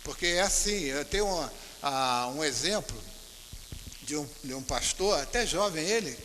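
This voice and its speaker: A man with a Brazilian accent giving a religious talk at a spiritist center, retelling anecdotes and slowing down to stress each teaching. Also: fairly high pitch, animated, sharp tone. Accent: Brazilian Portuguese. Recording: hall reverb with faint hiss.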